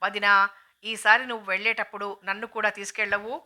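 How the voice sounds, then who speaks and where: A woman's voice: mid-range voice, flat delivery, brisk, sharp tone. A woman reading the lines of a shy, troubled young woman who speaks hesitantly. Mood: sad.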